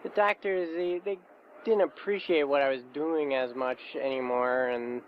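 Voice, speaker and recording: A man's voice: mid-range voice, normal speed, lightly acted. An actor playing an awkward, nerdy male healer superhero who speaks hesitantly, with many "uh"s in a recorded interview. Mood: halting. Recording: dull tape with faint hiss.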